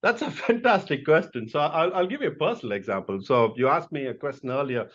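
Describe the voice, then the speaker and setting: A man's voice: a little high, lively intonation, a little fast, fairly bright tone, lo-fi sound. A middle-aged man from India, a corporate executive answering interview questions in an emphatic, motivational way.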